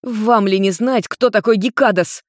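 A woman's voice: medium pitch, measured pace, no echo, studio quality, voice pushed up, close to an everyday voice. A woman voicing a prim, slightly drunk witch in a storybook reading, dismissive in manner.

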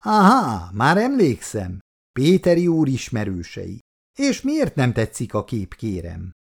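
A man voicing Kuti, a smooth-talking male painter who flatters his buyers and speaks with a pompous air. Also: medium pitch, heavily acted.

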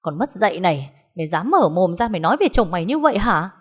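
A woman voicing a furious, hot-tempered peasant woman who shouts threats. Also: on the low side, big pitch swings, quick pace, slightly rough.

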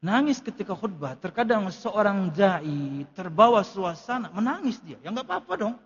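A man's voice: high voice, very animated, normal speed, husky, long reverb tail, muffled recording. A man teaching a religious study lecture, reading Arabic lines and explaining them in casual, conversational speech. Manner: explains Arabic text line by line in casual Indonesian. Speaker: ustadz teaching a kitab study.

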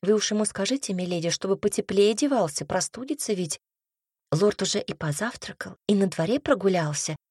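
A woman's voice: medium pitch, expressive, a little fast, darkish tone, slightly rough, no echo, clean studio sound. A woman voicing a chatty young maid who gossips and gushes eagerly. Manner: rattling, gushing chatter.

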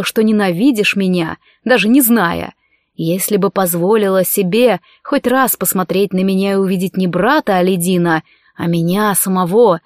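A woman reading an audiobook, voicing a scheming young male sorcerer who speaks in a soft, coaxing, insinuating way. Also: medium pitch, dry recording, clean studio sound, natural voice.

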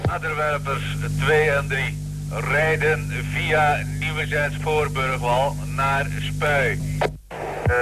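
Male police radio dispatcher, formal, hesitant fillers, noisy humming transmission. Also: mid-range voice.

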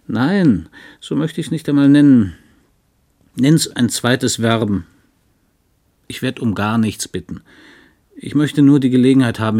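An earnest middle-aged husband pleads softly and haltingly in a low voice, as a man reads him in an audiobook. He sounds devoted and sincere. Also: lightly acted. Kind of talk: audiobook reading.

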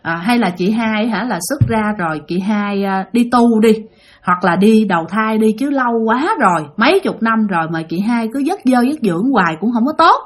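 A calm grandfather, as a woman storyteller puts him on, speaking low and gently to soothe an angry spirit, with a Southern Vietnamese accent. He coaxes rather than commands. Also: moderate pace. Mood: coaxing. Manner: gentle, coaxing.

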